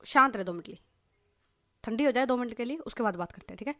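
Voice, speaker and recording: A woman voicing a calm young woman who comforts a friend softly and slowly. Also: fairly high pitch. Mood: soothing. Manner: soft, slow and calming.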